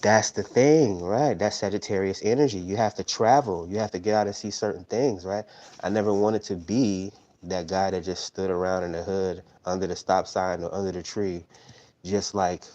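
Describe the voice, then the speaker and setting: A man's voice: low-pitched, fairly even intonation, normal speed, darkish tone, lo-fi sound. A man in his thirties hosting a tarot live stream, rambling casually and tagging his points with "right?". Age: 30s. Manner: rambling, tags sentences with "right?".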